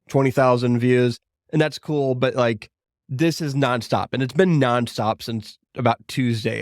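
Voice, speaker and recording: A chatty, upbeat man in his thirties hosts a casual solo podcast from his home studio. He wanders into rambling asides and talks at a middling pitch. The sound is close and dry, with no room echo. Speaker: podcast host.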